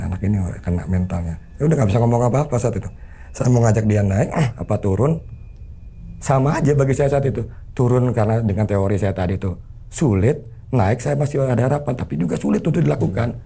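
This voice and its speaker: A man's voice: medium pitch, fast talker, creaky, dark tone, breathy edge. A man telling a story as an interview guest, earnestly acting out the remembered dialogue. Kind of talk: conversational storytelling.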